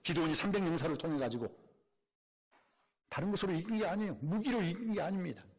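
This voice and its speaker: Husky-voiced preacher with lively pitch. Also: male voice, fast. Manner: preaching with call-and-response questions and dramatic quoted asides; drops to a hushed whisper for emphasis. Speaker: pastor. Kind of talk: sermon.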